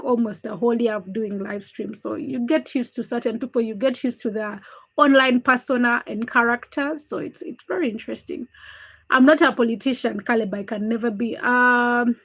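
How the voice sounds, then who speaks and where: Fairly high-pitched, fairly quick and a bit bright, this woman's voice belongs to a young Ugandan livestream host whose first language isn't English. She chats candidly in a casual stream, reading out comments and welcoming viewers by name.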